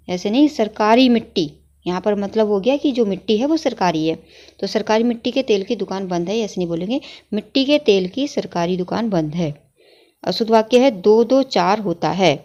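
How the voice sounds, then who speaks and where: A woman teaching a Hindi grammar lesson, talking to her students as children and repeating each sentence slowly before she corrects it. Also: mid-range voice, a little mellow, lo-fi sound.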